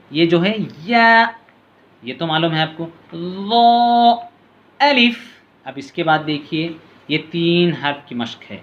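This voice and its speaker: A man teaching letter reading step by step. He calls out each letter name in a long, drawn-out tone, then explains quietly in a lower voice. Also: lo-fi sound. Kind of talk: patient step-by-step reading lesson.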